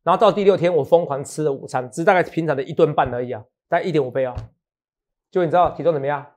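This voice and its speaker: Speaking very fast in a higher, slightly mellow voice, a middle-aged man with a Taiwanese Mandarin accent runs a laid-back stock market talk show. He's playful and talkative, laughing and joking often, and he regularly asks his co-host "好不好".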